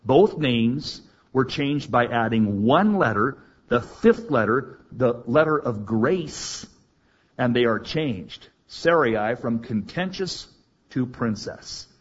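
A male preacher with a husky, breathy voice delivers an expository sermon slowly and deliberately. He acts out scripture dramatically and puts questions to his listeners. The recording is muffled and lo-fi. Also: medium pitch, expressive.

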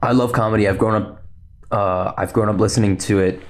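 A man's voice: on the low side, fairly even intonation. Rambling young man hosting a podcast. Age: young adult. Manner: rambling and fast-talking, with frequent laughs. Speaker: podcast host. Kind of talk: casual solo podcast chat.

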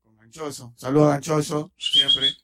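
A man's voice: fairly high pitch, little pitch movement, normal speed, very noisy. A young man, chatty and joking as he tells a story on a podcast. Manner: chatty, repeats himself, joking. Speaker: podcast co-host. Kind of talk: casual storytelling among friends.

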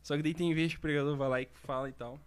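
A man in casual podcast chat, relaxed and tossing in joking asides. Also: a little high, racing, clean tone. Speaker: church musician on a podcast.

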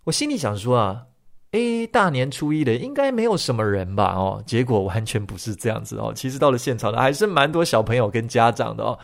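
A man hosting his own podcast and telling a story. He often ends his phrases with drawn-out particles. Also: mid-range voice, expressive, creaky. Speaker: podcast host.

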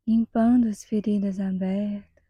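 A Brazilian woman leads a guided meditation in a soft, breathy half-whisper, calm and soothing, with long measured pauses. Her voice is mid-range, and the phone-quality recording has no room sound.

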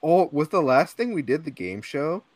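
On a podcast mic with no room sound, a young host chats and rambles casually, laughing frequently and dropping "like" and "dude" all the time. His voice runs a little high and very animated, at a moderate pace.

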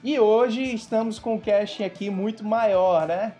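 Um homem com sotaque brasileiro, apresentador de podcast, recebe os convidados num bate-papo descontraído e animado. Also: male voice, high-pitched, steady tone, measured pace, warm tone, faint music behind. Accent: Brazilian. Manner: upbeat and welcoming. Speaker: podcast host. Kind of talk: casual podcast chat, interviewing.

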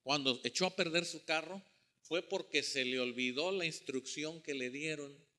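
Male pastor preaching, high voice, very bright tone, storytelling sermon, acts out quotes. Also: moderate pace.

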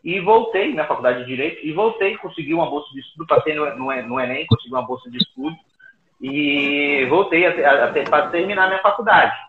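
A man telling his story as an interview guest, heard over an internet call line, halting and often repeating words. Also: a little high, noisy background. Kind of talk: casual personal story. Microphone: remote call device. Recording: tinny echoey call audio.

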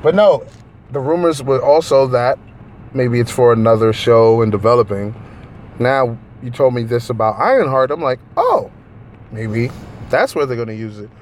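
A man co-hosting a podcast in casual chat, animated and profane, rambling with frequent laughs. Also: medium pitch, moderate pace, a little hiss or hum. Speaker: podcast co-host.

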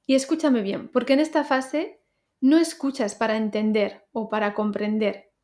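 A woman hosting a pronunciation podcast, teaching learners in a clear, deliberate way and speaking directly to the listener. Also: on the high side, fairly even intonation, warm tone.

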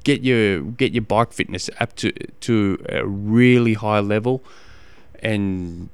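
This podcast host, a man with an Australian accent, shares casual coaching advice in a smooth, lowish voice. He stops and starts, often repeating phrases, with no echo in the recording.

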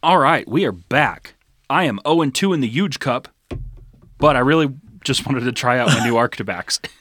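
A man co-hosting a casual gaming podcast, talking in a relaxed, rambling way and laughing often. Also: mid-range voice, normal speed. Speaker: podcast co-host.

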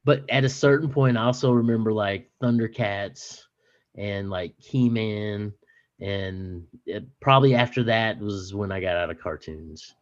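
Low-voiced man reminiscing haltingly. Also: no echo, highs cut off. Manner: halting, full of fillers. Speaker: podcast co-host. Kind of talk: casual chat.

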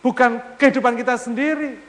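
A man's voice: very high-pitched, steady tone, a little fast. A man preaching a sermon, often putting rhetorical questions to the congregation and mixing formal speech with casual slang. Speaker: pastor. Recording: long hall reverb.

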